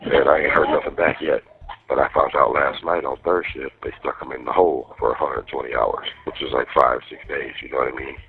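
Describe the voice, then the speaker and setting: Over a muffled prison phone, a man talks privately with his partner from jail, using streetwise slang full of profanity. He speaks briskly in a steady tone, his very deep voice husky.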